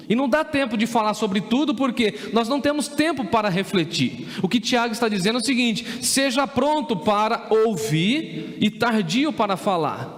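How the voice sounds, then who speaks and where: High-voiced Brazilian pastor preaching, reverberant. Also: male voice. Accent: Brazilian Portuguese. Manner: emphatic, asks the congregation rhetorical questions. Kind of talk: sermon. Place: church sanctuary. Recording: long church reverb.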